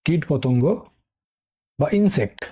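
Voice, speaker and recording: Unhurried yet lively in intonation, this middle-aged man has a mid-range voice that's warm and husky, with a Bengali accent. In his online exam-prep English vocabulary lesson he patiently repeats key words, often asking "ঠিক আছে?".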